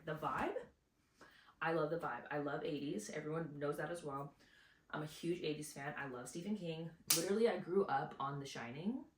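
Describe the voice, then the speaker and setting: A woman's voice: low voice, distant mic. A young woman vlogger chatting casually and emotionally to camera, rambling and swearing as she goes. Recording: echoey room, away from mic.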